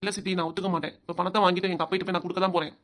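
A woman's voice: on the low side, flat delivery, very fast, a bit bright, lightly acted. A woman voicing a hot-headed young grandson in a cartoon, speaking with a Tirunelveli Tamil accent in a stubborn, confrontational way. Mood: angry.

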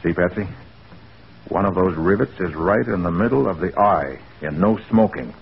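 An actor playing a quick-witted, assured American private detective in an old-time radio drama, brisk and cool under threat. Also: male voice, sits low, vocal fry. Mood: brisk, confident. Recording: muffled, hissy old radio recording.

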